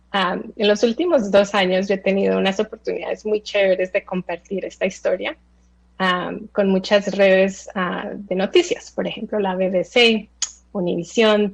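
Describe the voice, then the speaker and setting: A woman of about forty, born in Colombia and raised in the United States, gives a talk in an easy, chatty manner. Her mid-pitched voice carries a gravelly fry, and she often stops on filler sounds as she goes. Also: rough recording. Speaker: speaker giving a talk. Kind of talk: online talk.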